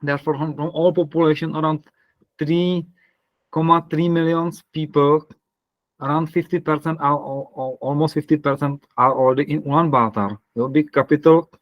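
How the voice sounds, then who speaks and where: A man from the Republic, a parish priest talking casually on a video call, searching for words with soft laughs. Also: a little high, fairly even intonation, moderate pace, dry recording, dull audio. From Czech Republic.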